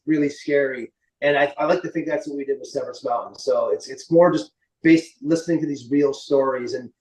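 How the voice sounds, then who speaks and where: A man's voice: fairly high pitch, darkish tone. A man in his late forties giving a rambling, informal interview as a guest filmmaker. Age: late 40s. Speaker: interview guest, indie film writer and director. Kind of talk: casual interview chat. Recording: roomy echo, slightly distant mic.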